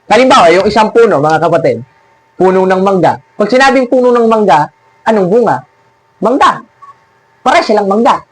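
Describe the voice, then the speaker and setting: High-voiced sarcastic male preacher. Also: expressive, normal speed, long pauses, a little hiss or hum, rough recording. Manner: sarcastic, scolding, laughs at his opponents. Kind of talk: preaching and mocking a rival church.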